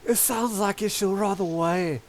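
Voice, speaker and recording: A man's voice: high voice, a little slow, a little hiss or hum. A man playing in a tabletop game, chatting casually and joking along with the others. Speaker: player.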